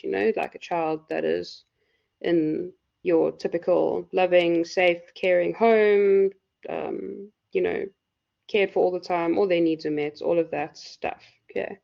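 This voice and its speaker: Woman lecturer, croaky and low-pitched, rambling live class talk. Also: darkish tone. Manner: loose, filler-heavy explaining. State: hoarse. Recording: dull lo-fi recording.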